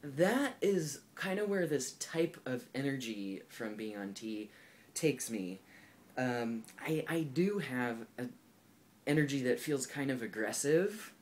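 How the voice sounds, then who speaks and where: A video blogger in his twenties talks candidly and thoughtfully to camera in a casual personal vlog, leaning heavily on "like" and "um." His mid-range voice has lively intonation, a slow pace, and a slightly mellow quality, with a little hiss or hum.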